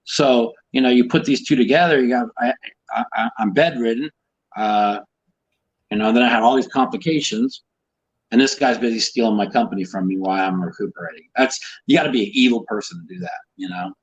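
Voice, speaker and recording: A man's voice: medium pitch, fairly quick, breathy edge, highs cut off. A man being interviewed as a guest, talking in a heated, emphatic way, swearing often and restarting his sentences. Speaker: guest, professional poker player. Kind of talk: casual interview.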